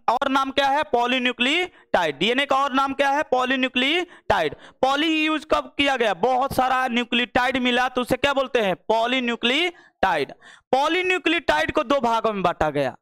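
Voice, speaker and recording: A man's voice: extremely high pitch, pushed and bright, clear, resonant tone, dry recording, clean studio sound. A young man teaching a biology lesson, asking questions and repeating the answers again and again. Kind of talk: classroom-style biology lesson.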